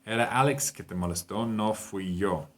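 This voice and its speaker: Teacher guy, lowish voice, patient, keeps asking okay? right?. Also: normal speed. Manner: clear, patient explaining with frequent "okay?" and "right?" checks. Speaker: English teacher. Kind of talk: online grammar lesson for Spanish speakers.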